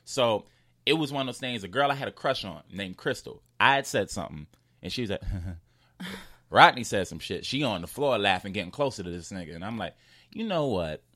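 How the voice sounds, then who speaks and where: A man's voice: lowish voice, lively intonation, fairly quick, pushed and bright, no room sound, clean studio sound. A young man from New York with a slight lisp, a comedian telling loose, profane stories in a casual interview. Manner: loose, storytelling, cursing freely. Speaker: comedian guest.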